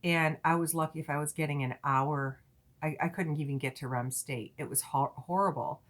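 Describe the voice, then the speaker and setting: Woman, low voice, tarot reader, chatty and earnest, casual spiritual reading. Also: steady tone, normal speed. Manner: chatty, earnest, many fillers and restarts.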